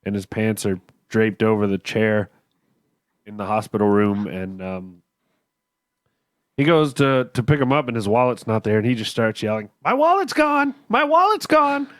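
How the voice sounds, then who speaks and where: A man's voice: lowish voice, steady tone, moderate pace, clean tone, no room sound, studio quality. A man co-hosting a whiskey podcast with a cough and stuffy nose, chatting and telling rambling jokes. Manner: joking, rambling storyteller. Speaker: podcast co-host. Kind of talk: casual chat and whiskey review.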